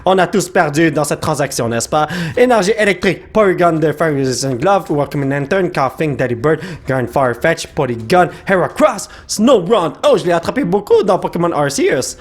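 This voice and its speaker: A young man with a Quebec French accent, his voice slightly hoarse from shouting, excitedly opening card packs, rattling off card names and breaking into laughter. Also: on the high side, normal speed, hardly any pauses.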